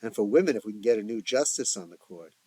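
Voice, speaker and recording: A man voicing a calm, reasoning middle-aged man who lectures the others in an audio story. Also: on the low side, fast talker, slightly rough, dry recording. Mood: lecturing.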